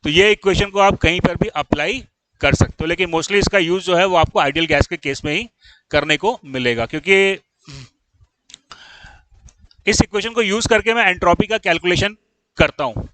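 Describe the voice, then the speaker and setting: In this classroom lecture, an engineering instructor speaks in a high-pitched, bright, forceful voice at a moderate pace, pausing often. He explains step by step, checks comprehension with frequent questions, and scolds students in exasperation. There's no echo, but the audio is poor.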